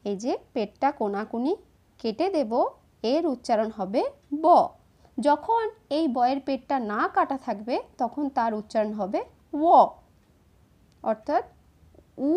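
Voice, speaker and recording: A woman, slowly and patiently explaining each step of writing letters to children. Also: on the high side, animated, dark tone. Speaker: teacher. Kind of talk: handwriting lesson for children.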